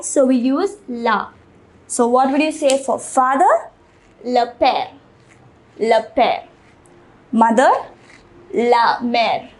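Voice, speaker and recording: In a high, bright voice, a woman teaching French says each word several times over, slowly and deliberately, as a patient classroom teacher would in an unhurried lesson. The audio quality is poor.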